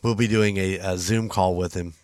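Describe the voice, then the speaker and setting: A man's voice: sits low, fairly even intonation, normal speed, a little mellow, no echo. A man chatting casually as a podcast co-host in a studio. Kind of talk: casual chat.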